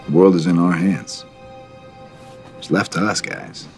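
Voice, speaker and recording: A low male voice of a determined leader, urgent and rousing as he spurs others on. Faint music sits under the film clip. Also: a little slow, creaky, a little mellow. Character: determined male leader rallying his comrades.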